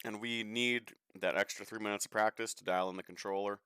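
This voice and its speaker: A young man rambles through his sim racing stream in a loose, joking way, swearing without a second thought. His voice is on the low side but bright and forceful, and it comes through clean and crisp in a dry, close recording. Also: fairly even intonation, brisk, no room sound. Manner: chatty, swears freely, offhand and joking. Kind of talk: casual live-stream commentary while racing.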